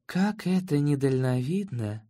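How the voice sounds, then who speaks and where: A man's voice: on the high side, lively intonation, dark tone. A man playing a smug female villain with an odd accent. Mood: condescending. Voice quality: strange accent. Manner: condescending, unhurried. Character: calm, mocking female villain fighter.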